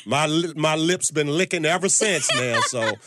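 A man hosting an interview in casual chat, exuberant and given to loud exclamations. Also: on the high side, animated, normal speed, very noisy. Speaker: host.

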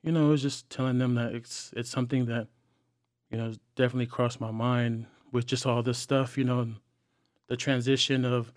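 Young man, podcast guest, earnest and halting, dry close mic. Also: mid-range voice, level tone, no echo. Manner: earnest, halting with frequent fillers and restarts. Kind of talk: candid personal sharing.

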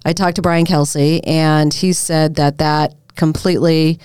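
Low, smooth-voiced woman explaining local news. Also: fairly even intonation, measured pace, darkish tone, dry recording, studio quality. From Boston area. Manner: conversational, explains at length, laughs easily. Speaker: reporter and co-host. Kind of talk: casual news chat.

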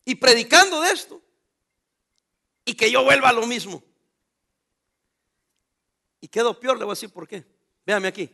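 A man's voice: very high-pitched, animated, normal speed, gravelly, pauses often, bright, forceful tone. A middle-aged man, a pastor preaching a sermon with emphatic rhetorical questions to his congregation.

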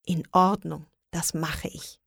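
A woman reading as a gentle, unhurried grandmother. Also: low-pitched, steady tone, gravelly, slightly rough, no echo, clean studio sound, heavily acted. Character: gentle grandmother telling bedtime stories.

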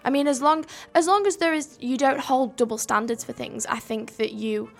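A woman's voice: high voice, normal speed, gravelly, soft background music. A young woman co-hosting a homemade radio show, speaking earnestly in long run-on sentences. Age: young adult. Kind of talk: casual discussion.

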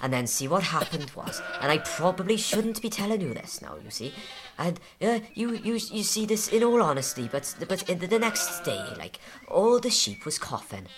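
A woman's voice: on the low side, sing-song, normal speed, hardly any pauses, noisy background. A woman voicing a simple, long-winded male farmhand who rambles hesitantly through endless fillers.

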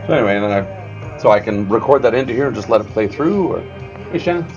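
A man's voice: mid-range voice, lively intonation, quick pace. A man, a radio morning show host, casually explaining his work with lots of fillers and restarts. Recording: slightly dull lo-fi sound with faint music.

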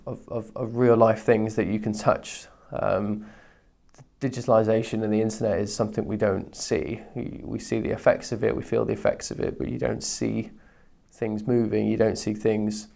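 A man's voice: on the low side, vocal fry, mellow. A man answering interview questions conversationally as a guest, hesitant and often repeating words as he searches for phrasing.

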